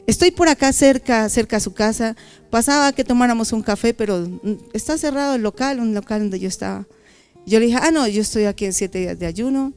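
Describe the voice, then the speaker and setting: A middle-aged woman giving a testimony sermon at a church convention, telling her story with lively acted-out dialogue. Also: a little high, smooth. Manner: animated storytelling, acting out dialogue.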